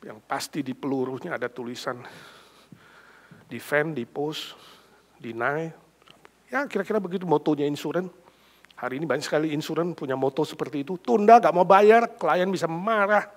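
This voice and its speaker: A middle-aged male pastor preaching a sermon with emphatic, lively storytelling that builds to loud peaks. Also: on the high side, normal speed, pauses often.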